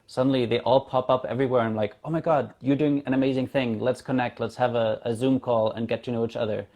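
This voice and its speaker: Speaking fast in a steady, somewhat mellow mid-range voice, a native German speaker from Germany in his thirties talks casually on a video call. He is a community founder appearing as an interview guest.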